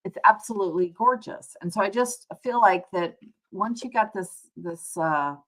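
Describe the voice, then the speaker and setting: A woman of medium pitch speaks at a normal speed with a fairly bright tone. As the host of an easygoing live tarot reading, she chats reflectively with viewers and restates her points along the way.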